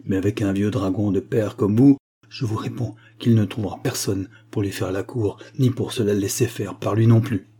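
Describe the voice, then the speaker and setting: A man voicing an angry, sharp-tongued spinster who scolds with indignation. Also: fairly low pitch, fairly even intonation, moderate pace, husky. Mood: indignant.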